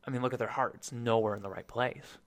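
A man's voice: mid-range voice, fairly even intonation, fast talker. A man talking earnestly and a little ramblingly in a casual faith discussion, co-hosting a Bible talk.

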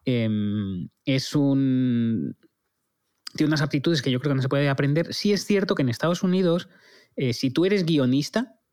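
A man's voice: medium pitch, unhurried, a little mellow. Man, mid-range voice, reflective podcast chat. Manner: hesitant, many fillers and restarts, reflective. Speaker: comedy teacher and podcast co-host.

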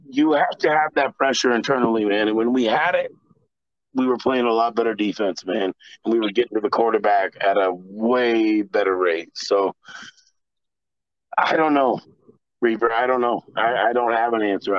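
A man's voice: medium pitch, dry recording. Blunt rambling man on a lo-fi podcast. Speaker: podcast co-host. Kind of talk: casual sports podcast chat.

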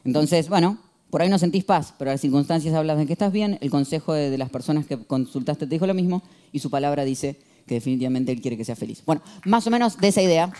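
A man in his thirties with an Argentine accent, preaching a sermon in an animated, humorous way and acting out shouted quotes. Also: on the high side, fast. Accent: Argentine Spanish. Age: 30s.

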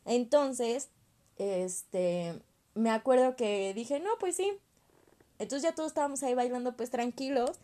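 A woman's voice: a little high, measured pace. Chatty young Mexican woman telling a story. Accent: Mexican Spanish. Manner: animated, acts out quoted voices, slangy. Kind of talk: casual storytelling chat.

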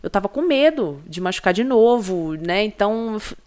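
A young Brazilian woman, a professional athlete guesting on a podcast, telling lively stories and acting out what others said. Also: medium pitch, normal speed. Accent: Brazilian Portuguese. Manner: animated storyteller who acts out quoted lines. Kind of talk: casual podcast chat.

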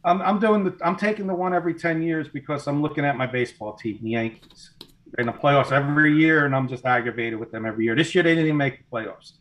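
A man's voice: fairly high pitch, fast talker, fairly bright tone, low-quality recording. A man in his forties co-hosting a casual sports talk show, steering the segments and asking others for picks. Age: 40s. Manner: runs the segments, asks for predictions. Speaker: podcast co-host.

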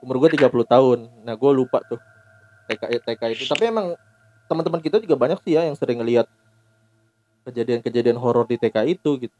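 A man's voice: mid-range voice, expressive, warm tone, lo-fi sound, a little hiss or hum. A man, hosting a podcast in a chatty, joking way. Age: 30s. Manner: joking, chatty, lots of quick agreeing. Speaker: podcast host. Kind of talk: casual chat.

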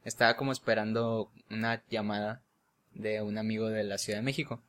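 A man's voice: on the low side, little pitch movement, a little fast, a bit bright. A young man with a Mexican Spanish accent, chatting casually and telling a story full of slang, often laughing. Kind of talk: casual chat.

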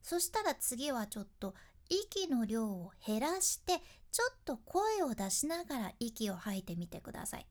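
A woman, a speaking coach explaining voice tips in a friendly, lively teaching tone. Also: fairly high pitch, moderate pace, hardly any pauses. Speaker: speaking coach, freelance announcer. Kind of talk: instructional talk to camera.

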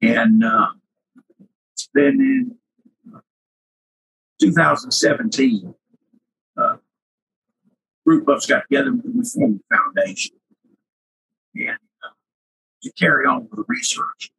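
Older man with a cracking, husky voice. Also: a little high, huge pitch swings, takes it slowly, long pauses, sharp tone, low-quality recording. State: sinus trouble. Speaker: interview guest, retired researcher. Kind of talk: casual reminiscing.

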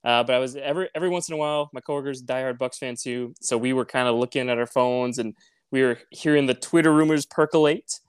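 A man co-hosting a casual podcast, telling stories in a halting way with many restarts. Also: medium pitch, clear, resonant tone, no echo. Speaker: podcast co-host.

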